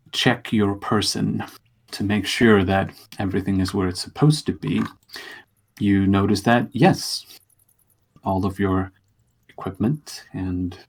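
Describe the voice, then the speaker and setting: A man with a low, husky voice works as game master of a tabletop role-play. He narrates very slowly and deliberately, leaving dramatic pauses between phrases. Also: a little mellow.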